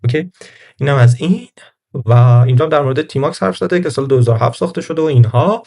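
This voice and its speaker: A man's voice: medium pitch, a little mellow. A man giving a casual screen-recorded Linux tutorial, thinking aloud and correcting himself as he goes. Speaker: Linux course instructor.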